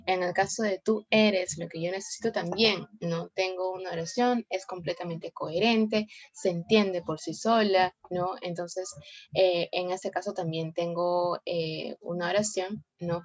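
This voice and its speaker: A woman's voice: fairly low pitch, steady tone, normal speed, dull audio. A woman explaining grammar in a class, often checking with "¿no?" and correcting herself. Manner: frequent tag "¿no?" and self-corrections. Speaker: teacher. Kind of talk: explaining sentence types in a class.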